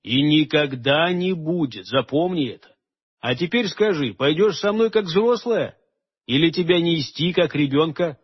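A man's voice: fairly high pitch, expressive, a little slow, husky, highs cut off. Man playing a blunt plain-spoken knight. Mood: firm.

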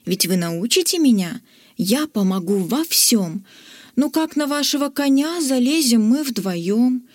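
A woman's voice: fairly high pitch, animated, unhurried, a little mellow, no room sound, clean studio sound. A woman voicing a pompous male knight in a storybook who speaks grandly and formally. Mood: eager. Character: pompous male knight, boastful, later eager.

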